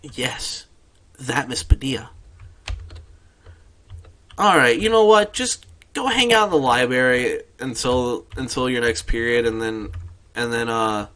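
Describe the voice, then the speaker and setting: A man's voice: mid-range voice, measured pace, pauses often, fairly bright tone, lightly acted. A man voicing a curt, weary male school principal who fires off questions. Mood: brusque.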